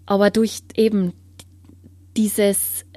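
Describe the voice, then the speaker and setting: A woman giving an earnest personal testimony in an interview, often sinking into a hushed whisper as she searches for words. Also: medium pitch, little pitch movement, slow pace, dry recording.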